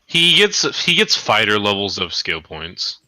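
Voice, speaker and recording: A man's voice: fairly low pitch, huge pitch swings, measured pace, bright, forceful tone. A man running a tabletop game as game master, narrating loot in a casual, rambling way with fillers and swearing. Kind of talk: running a tabletop game over a live stream.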